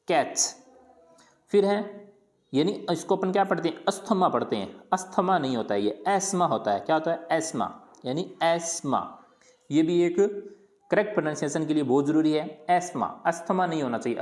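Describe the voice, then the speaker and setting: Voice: mid-range voice, darkish tone. A teacher giving a patient pronunciation lesson, asking a question and then answering it, and repeating each word several times. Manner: colloquial, patient drilling of words. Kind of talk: explanatory lesson.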